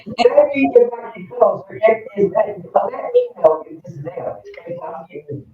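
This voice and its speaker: A woman calling into a meeting from a computer, her voice muffled and distant as if through a wall, speaking haltingly and apologizing while she fiddles with settings. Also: on the high side, animated. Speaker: remote meeting participant. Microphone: computer with attached speaker on a call. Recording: muffled echoey call over a speaker.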